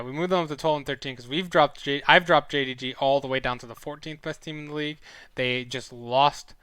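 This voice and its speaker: With a medium-pitched, slightly bright, smooth voice and no room sound, a young esports analyst hosts his weekly live-stream review. He's chatty and rambling, packed with fillers and self-corrections, and his sore throat means he's starting to lose his voice.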